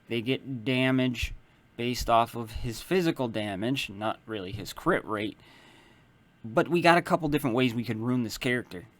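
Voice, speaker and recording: A man casually walking through a mobile game character build, explaining his choices in a relaxed way and often starting lines with "so". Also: medium pitch. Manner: self-correcting, loose phrasing. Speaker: mobile game guide maker. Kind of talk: casual game strategy walkthrough.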